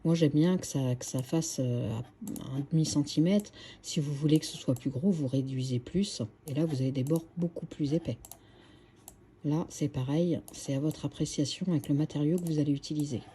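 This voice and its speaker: A woman's voice: sits low, normal speed, mellow, a little hiss or hum. A woman hosting a screen-recorded craft tutorial, chatty and hesitant, with many fillers and restarts.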